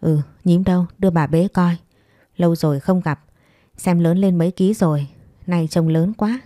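A woman voicing a kindly, worried middle-aged mother in a read-aloud story, gentle and fussing. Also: on the low side, fairly even intonation, moderate pace, dry recording, studio quality, lightly acted.

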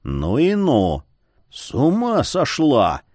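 A man's voice: a little high, huge pitch swings, unhurried, darkish tone, dry recording, studio quality, full character voice. A man playing a stubborn, blunt male mercenary in an audiobook.

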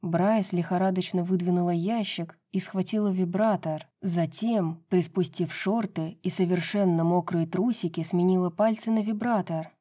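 A woman narrating a romance novel as an audiobook, in an even reading voice. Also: lowish voice, moderate pace, hardly any pauses.

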